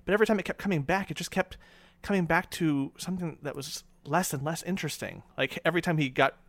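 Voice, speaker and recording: A man giving his opinion in a casual film discussion, halting and filler-heavy, voicing his own reactions as quotes. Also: fairly high pitch, fairly bright tone, no echo. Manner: halting, repeats "like", mimics reactions. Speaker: movie review panelist.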